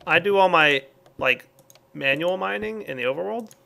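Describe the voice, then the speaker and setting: Gravelly man narrating his gameplay. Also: high-pitched, moderate pace. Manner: relaxed, thinks aloud with many fillers. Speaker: let's play host. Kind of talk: casual gameplay commentary.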